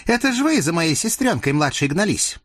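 A man's voice: fairly high pitch, big pitch swings, fairly quick, fairly bright tone, no room sound, clean studio sound, voice pushed up. A man voicing a hot-tempered young Cossack girl who threatens sternly. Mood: fierce.

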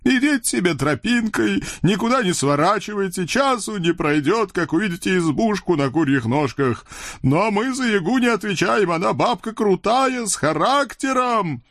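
A man's voice: high voice, expressive, normal speed, a bit bright, dry recording, clean studio sound, voice pushed up. A man voicing a fat, snub-nosed male devil who blusters and bickers. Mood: blustering.

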